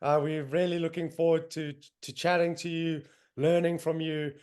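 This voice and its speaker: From a home in northern England, a young man with a South African accent hosts a podcast via video call. His slightly high voice is smooth and darkish in tone, delivered flatly at normal speed, while the casual chat itself is loose, enthusiastic, and full of fillers.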